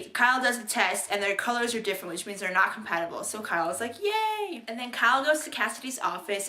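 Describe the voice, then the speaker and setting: Bubbly young woman, bright echoey vlog. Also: medium pitch. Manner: bubbly, rambling, many fillers and restarts. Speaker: vlogger recapping a TV episode. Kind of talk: casual chatty recap. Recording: echoey room.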